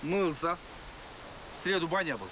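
A man's voice: a little high, lively intonation, normal speed, noisy background, natural voice. A young man playing a naive, stubborn soldier in a war drama, speaking broken sentences with a Kyrgyz accent. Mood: earnest, defensive. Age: young adult. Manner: broken, ungrammatical speech.

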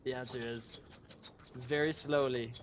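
A man's voice: medium pitch, fairly even intonation, a little slow, noisy background. A man chatting casually as co-commentator on a game, joking and swearing in disbelief. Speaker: co-commentator watching a friend play. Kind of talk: casual gaming chat.

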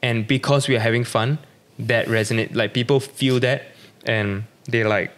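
A man's voice: mid-range voice, moderate pace, clean tone. A young man from Singapore, a podcast guest in casual chat, talking loosely with many fillers. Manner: relaxed, chatty, lots of "like" fillers.

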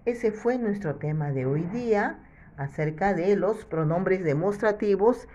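A woman's voice: mid-range voice, expressive, a little slow, dark tone, lo-fi sound. A woman teacher with a Peruvian Spanish accent gives a patient children's English lesson, asking questions and answering them herself.

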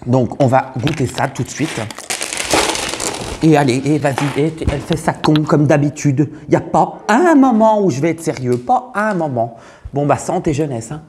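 A man's voice: fairly high pitch, lively intonation, moderate pace, darkish tone, a little hiss or hum, natural voice. A man playing a brash, crude female farmer with a Burgundian accent in a comic sketch. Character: brash middle-aged female farmer from the countryside. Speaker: taste-tester.

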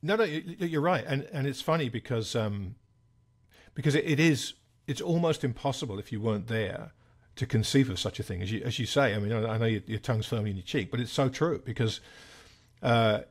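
A man in his sixties, a guest on an interview, explaining in a measured, thoughtful way. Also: medium pitch, lively intonation. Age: 60s. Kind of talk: conversational interview.

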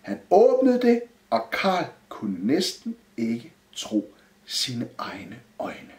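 A man reading a children's Christmas story aloud in a lively storytelling manner. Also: mid-range voice. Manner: lively, sing-song storytelling. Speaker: narrator. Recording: roomy echo.

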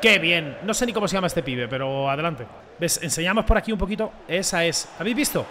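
Young male gaming streamer, high bright voice, excitable slangy banter, faint noise behind. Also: fast. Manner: excitable, shouts on goals, slangy banter with viewers. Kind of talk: let's play commentary.

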